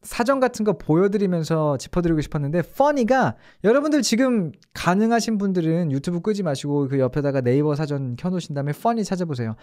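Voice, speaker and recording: A man's voice: high-pitched, lively intonation, brisk, few pauses, a little mellow. A man teaching English in Korean in a casual online lesson, explaining step by step with rhetorical questions.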